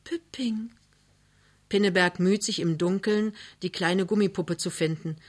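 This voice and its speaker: Calm, low-voiced woman reading a novel. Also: moderate pace. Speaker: reader. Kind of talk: literary reading.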